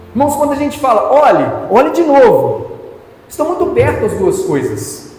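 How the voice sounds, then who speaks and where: A man with a Brazilian Portuguese accent preaching a sermon as pastor, with an emphatic, repetitive cadence. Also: very high voice. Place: church hall. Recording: echoey church hall, soft music.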